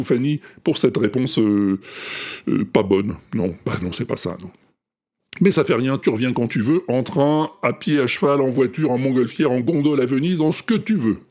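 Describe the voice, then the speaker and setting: A man's voice: medium pitch, a little mellow. A man hosting a podcast, reading out listener answers in a teasing, theatrical way. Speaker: podcast host.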